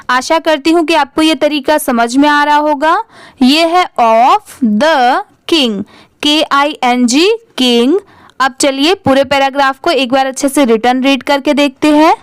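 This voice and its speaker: Young woman, patient reading teacher, drawls words, asks then answers herself, slow pace. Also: sits high, no room sound. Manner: spells words letter by letter, then drawls them out slowly. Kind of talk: slow spelled-out reading lesson.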